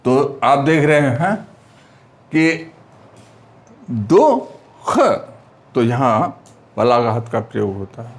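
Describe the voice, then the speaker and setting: A man teaching Hindi grammar in a slow classroom explanation, repeating words and spelling out their sounds. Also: mid-range voice.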